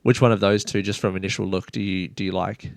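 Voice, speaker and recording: A man's voice: low-pitched, fairly even intonation, fast, creaky, dry recording, studio quality. A man hosting a casual sneaker podcast, rambling with lots of fillers like "kind of" and "you know". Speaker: podcast host.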